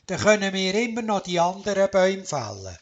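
A man with a Swiss German accent voicing an older woodcutter who speaks briskly and matter-of-factly. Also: sits high, big pitch swings, pitched above the performer's own voice.

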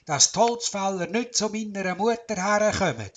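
A man with a Swiss German accent voicing an excitable little forest creature who leads the others, shouting urgently. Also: high-pitched, moderate pace, pitched above the performer's own voice. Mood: commanding.

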